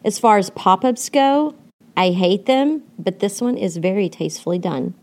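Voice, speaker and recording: A woman's voice: medium pitch, lively intonation, moderate pace, darkish tone. A woman hosts a casual solo podcast from her bed, her voice muffled by the blanket she sits under. She talks candidly and conversationally, drops the odd swear word and laughs easily. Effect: muffled, recorded from under a blanket. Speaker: podcast host.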